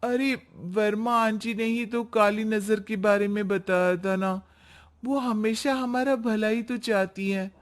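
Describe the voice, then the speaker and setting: A cheerful young wife from a cartoon story talks earnestly and hopefully, as a woman acts her out. Her voice is mid-pitched and her pace unhurried. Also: fairly even intonation, close to an everyday voice. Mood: worried. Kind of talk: cartoon voice acting.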